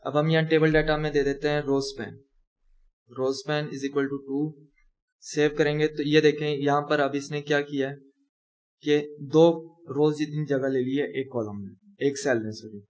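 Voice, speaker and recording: A young man whose voice sits on the high side, with little pitch movement and a moderate pace, teaches coding. In the screen-recorded tutorial he explains each step as he types and catches his own errors along the way.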